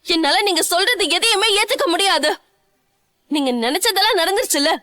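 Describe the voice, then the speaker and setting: This is a defiant young bride from a dubbed TV serial, voiced by a woman. She speaks in a sharp, accusing way in a high voice. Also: animated, brisk, exaggerated voice.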